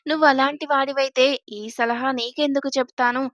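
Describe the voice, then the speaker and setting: A lecturing elder brother from a spoken family storybook, as a woman narrator puts him on, giving advice with a jokey edge. The voice stays high and bright. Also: steady tone, brisk, no room sound, studio quality. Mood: joking.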